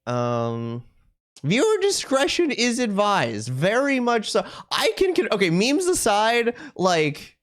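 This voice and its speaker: A video game streamer chats casually with viewers on a live stream, rambling and thinking out loud. The voice is medium in pitch but swings hugely, and the delivery is slow.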